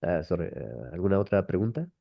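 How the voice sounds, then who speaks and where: A man's voice: low-pitched, sing-song, a little fast, creaky. A man hosting an online webinar, explaining patiently with many rhetorical tag questions over a video call. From Colombia. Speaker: webinar host, language method presenter. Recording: dull lo-fi call audio.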